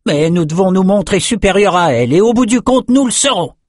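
A man's voice: high-pitched, animated, a little fast, dry recording, clean studio sound, pitched above the performer's own voice. A man voicing a smug male sorcerer who breeds monsters, in a fantasy audiobook. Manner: smug, boastful. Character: proud male flesh sorcerer, cold and smug.

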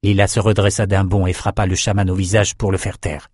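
Male audiobook narrator, low voice, dry close sound, steady reading. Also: a little fast, slightly rough, no echo. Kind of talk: scripted fantasy narration.

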